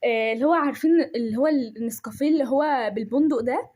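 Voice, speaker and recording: Quick, high-voiced Egyptian young woman. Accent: Egyptian Arabic. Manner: chatty, self-mocking, excitable. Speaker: vlogger. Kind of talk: casual chat to camera.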